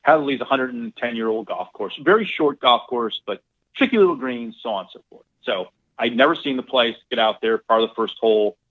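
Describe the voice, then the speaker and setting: A middle-aged man, a golf club owner, telling a lively casual story and acting out quoted dialogue, with some swearing. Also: mid-range voice, brisk. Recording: tinny phone-like line.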